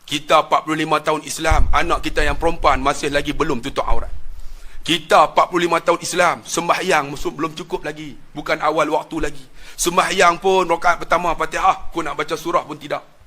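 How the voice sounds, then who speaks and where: A middle-aged man with a Malaysian Malay accent preaching a sermon, telling a story dramatically and swinging between loud outbursts and hushed asides. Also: on the high side, fairly even intonation, quick pace.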